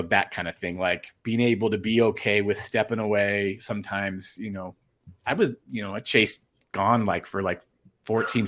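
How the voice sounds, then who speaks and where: This storm chaser, appearing as an interview guest, has a fairly low but fairly bright voice. He talks casually and rambles earnestly, full of fillers and restarts, telling his story with emotion.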